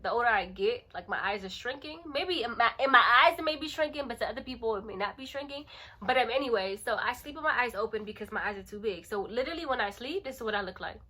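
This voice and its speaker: A woman's voice: a little high, bright, forceful tone. A young woman vlogger chatting casually and playfully to her viewers, calling them guys and y'all. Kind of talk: casual chat to camera.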